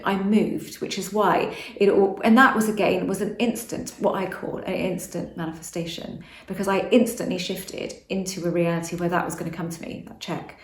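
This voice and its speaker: A woman's voice: medium pitch, echoey room. A woman vlogging about manifestation in a casual, rambling monologue, often restarting and correcting herself.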